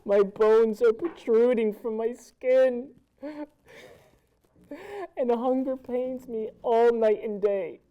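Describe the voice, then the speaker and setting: A woman playing a starving, paranoid soldier holding out alone, theatrical and halting in a dramatic performance. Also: on the low side, lively intonation, highs cut off. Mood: anguished despair. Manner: anguished, halting, commanding, theatrical. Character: starving, paranoid holdout soldier alone on an island, suffering and menacing. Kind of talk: dramatic acting.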